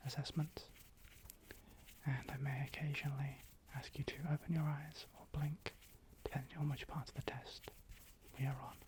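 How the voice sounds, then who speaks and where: An ASMR performer whispers in character as a calm, attentive clinic assessor, offering breathy, gentle instructions and softly repeating phrases. The voice is medium-pitched, with background noise present.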